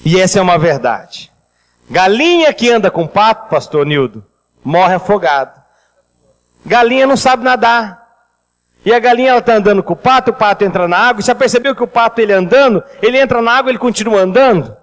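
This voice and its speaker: A man preaching a seminar on finances, lively and speaking directly to the congregation. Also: extremely high pitch, quick pace, long reverb tail, rough recording. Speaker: pastor leading a finance seminar. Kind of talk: sermon with storytelling.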